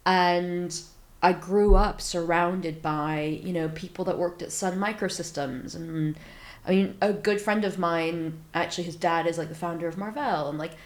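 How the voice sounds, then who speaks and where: An American woman in her thirties tells stories in a loose interview chat, her voice sitting a little low. She acts out her own reactions with plenty of fillers. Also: steady tone, normal speed. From Silicon Valley, California, USA. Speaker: startup founder, guest.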